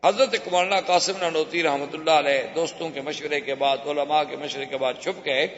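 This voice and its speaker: Recorded with dull, low-fidelity sound in a reverberant hall, a man preaches with great animation, telling stories with changing pitch and forceful emphasis.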